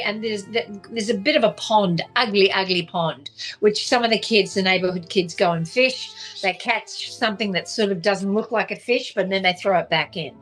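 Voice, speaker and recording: A woman talks straight to her viewers, telling a story from her day. She rambles, starts over often and fills her pauses, and a little music plays faintly behind her. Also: medium pitch, a bit bright. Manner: rambling, with many restarts and fillers. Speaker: vlogger. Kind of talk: casual storytelling monologue.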